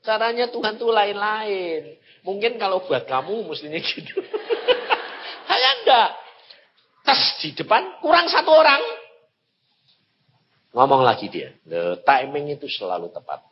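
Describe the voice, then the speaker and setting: Preacher guy telling a funny story in a sermon, fairly high voice that swings all over, lo-fi recording with a bit of hiss. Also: a little slow. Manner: animated storytelling, jumps from shouts to low asides. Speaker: evangelist preacher. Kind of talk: sermon with a humorous personal story. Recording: dull lo-fi sound, faint background noise.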